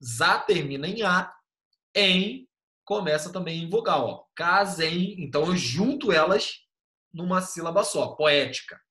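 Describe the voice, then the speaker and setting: Patient male teacher, slightly high voice. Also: lively intonation, unhurried, pushed and bright. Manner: patient, step-by-step explaining with casual slang. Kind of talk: online class lesson.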